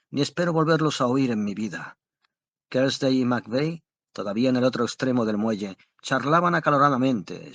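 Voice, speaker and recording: Guy narrating an audiobook, dramatic and expressive, mid pitch, dry close sound. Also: no echo, muffled recording.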